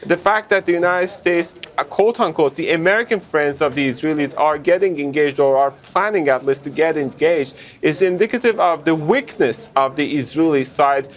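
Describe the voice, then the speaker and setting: A male news correspondent gives an unscripted live report in a somewhat high voice. He is wordy and halting, often rephrasing his points as he goes.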